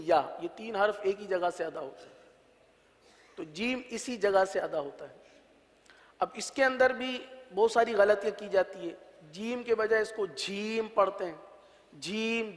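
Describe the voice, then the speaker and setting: A man's voice: high voice, a bit bright. A man, teaching Quran pronunciation and leading call-and-repeat drills in a patient, step-by-step way. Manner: patient, explains step by step and drills letter sounds. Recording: long hall reverb.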